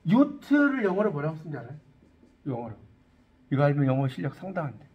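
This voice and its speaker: A man's voice: fairly high pitch, fast talker, highs cut off. A middle-aged man teaching an English lesson in Korean, quizzing his listeners and joking as he goes. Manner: lively, asks students questions, jokes. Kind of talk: classroom-style lecture.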